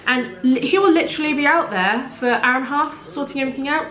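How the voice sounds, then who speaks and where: Late-30s mum vlogger, warm-hearted chatter to camera, rambling asides; roomy home echo. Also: female voice, sits high, quick pace, muffled recording. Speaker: parenting vlogger. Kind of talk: candid talk to camera.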